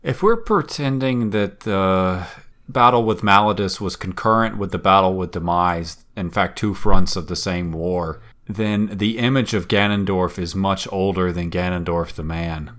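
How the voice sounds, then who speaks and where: Low-voiced man musing on a podcast. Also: a little slow. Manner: animated, swears casually, muses expansively. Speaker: podcast co-host. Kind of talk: casual chat.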